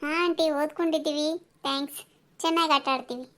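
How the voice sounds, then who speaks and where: A woman's voice: sits high, fairly even intonation, fast, fairly bright tone. A woman voicing a young female contestant in a cartoon, answering back in a sulky, defensive way. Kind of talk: cartoon voice acting.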